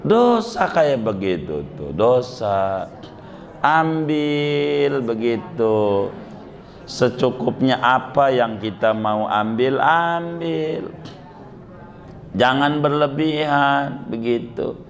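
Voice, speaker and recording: A man's voice: mid-range voice, big pitch swings, takes it slowly, faint music behind. A male Islamic preacher from Banten, giving a humorous sermon, chatty and joking, acting out little scenes and repeating words for effect. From Banten, Indonesia.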